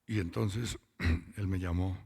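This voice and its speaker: A man's voice: low voice, steady tone, vocal fry, darkish tone, husky. A man preaching a testimony sermon at a church meeting, telling stories and drawing out words for emphasis. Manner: storytelling, drawn-out emphatic words. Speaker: lay preacher giving testimony.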